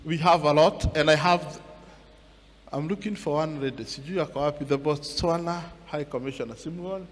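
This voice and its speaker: A man's voice: on the high side, normal speed. A man emceeing a launch event, mixing in Swahili as he calls guests forward. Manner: mixes in Swahili, directs the crowd. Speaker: master of ceremonies. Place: event venue hall. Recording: reverberant hall with PA.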